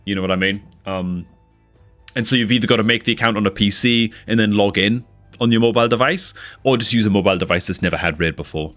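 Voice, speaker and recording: A young gaming streamer from northeast England, near Newcastle, talks loosely with his stream chat in a somewhat mixed northeast English accent. His voice is on the low side and fairly bright, and he speaks fast, rambling with lots of fillers. Soft music plays in the background of this casual livestream chat.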